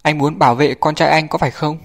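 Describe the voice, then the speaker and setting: A man voicing a grieving mother, a woman who hysterically hurls shrill screaming accusations. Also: fairly even intonation, fast talker, natural voice. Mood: furious shrieking.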